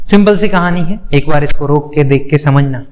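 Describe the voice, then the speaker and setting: A man's voice: on the high side, normal speed, darkish tone, long reverb tail. A man teaching a biology lecture for exam students, asking rhetorical questions and repeating the answers.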